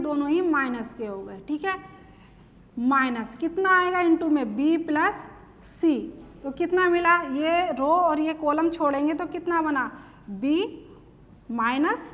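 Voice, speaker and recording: A woman maths teacher working through problems step by step, asking questions and answering them herself. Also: high voice. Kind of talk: classroom lesson. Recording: tinny phone-like sound with long reverb.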